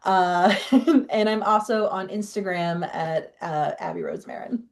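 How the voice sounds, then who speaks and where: A woman's voice: on the low side, unhurried, creaky. A woman from the Boston area with a faint Boston accent, talking candidly and chattily as an author guest in a podcast interview. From Boston area, USA. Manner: candid, chatty, with fillers and restarts.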